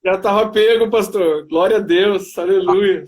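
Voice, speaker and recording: A man's voice: high voice, measured pace, a little mellow. A Brazilian man hosting a casual chat, often breaking in with words of praise and agreement. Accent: Brazilian Portuguese. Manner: affirming, interjects praise often. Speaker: interviewer.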